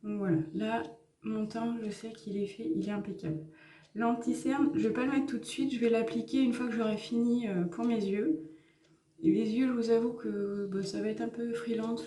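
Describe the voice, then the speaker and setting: A woman's voice: a little high, steady tone, normal speed, mellow, echoey room. A woman talking through a makeup tutorial in a casual, hesitant way with many fillers. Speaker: makeup vlogger.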